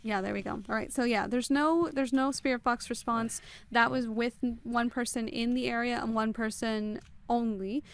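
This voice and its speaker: Fast-talking high-voiced woman streamer. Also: steady tone. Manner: talks extremely fast; chatty, greets viewers by name. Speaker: game streamer. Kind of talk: live gameplay commentary.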